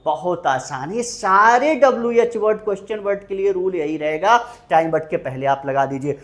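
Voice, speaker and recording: Emphatic Indian teacher, lively pitch swings. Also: male voice, moderate pace. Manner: emphatic, repeats key words, quizzes the listener. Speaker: English teacher. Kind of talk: bilingual grammar lesson.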